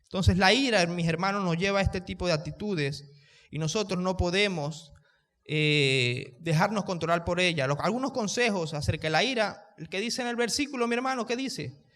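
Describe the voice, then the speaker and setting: A man's voice: sits high, normal speed, fairly bright tone, in a large hall. A male pastor, preaching a sermon, raising his voice so the room can hear him and putting questions to the congregation. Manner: raises his voice to reach the room. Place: church.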